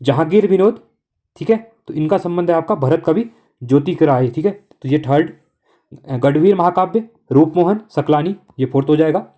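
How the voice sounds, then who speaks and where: A man teaching an online exam-prep lesson, working through multiple-choice answers in a brisk coaching manner and filling the gaps with constant "okay" checks. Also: on the high side, lively intonation, warm tone. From Uttarakhand.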